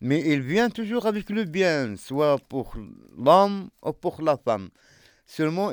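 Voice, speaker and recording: A man's voice: on the high side, no echo, clean studio sound. A man speaking French in a casual street discussion, explaining earnestly and often repeating words as he searches for them. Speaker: street interview participant, translator. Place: outdoors in a street.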